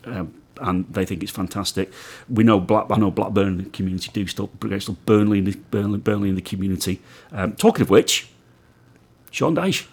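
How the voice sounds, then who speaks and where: A man hosting a casual chat, talking haltingly with many restarts and repeated words. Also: fairly low pitch, a little mellow, breathy edge.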